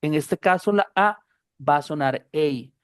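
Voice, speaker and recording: A patient woman teaching a class, talking at an unhurried pace in a fairly low voice. She repeats her points and checks that her students understand. The recording is dry and close. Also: no echo. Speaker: English teacher. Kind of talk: explaining pronunciation in a class.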